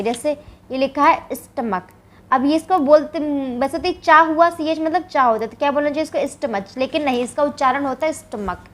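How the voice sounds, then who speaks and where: A woman from India teaches English grammar in a classroom lesson, her voice high-pitched with a fairly bright tone. She explains step by step, answers her own questions, and often checks in with "ठीक है."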